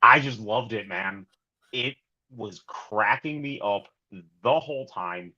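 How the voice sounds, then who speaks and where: A man co-hosting a casual film review podcast, enthusiastic and halting with restarts. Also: fairly low pitch, bright, forceful tone, highs cut off. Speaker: podcast co-host.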